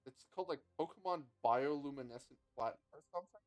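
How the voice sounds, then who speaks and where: A man's voice: mid-range voice, fast, darkish tone, no echo, poor audio. A man streaming a game, chatting casually and rambling between moves, swearing now and then. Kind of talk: casual gameplay chat.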